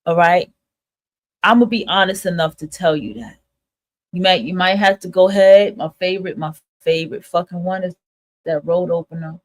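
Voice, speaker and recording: A spiritual advice livestream host addresses her audience in a lowish voice at normal speed. Her motivational monologue is casual and candid, emphatic and repetitive, and she swears freely throughout.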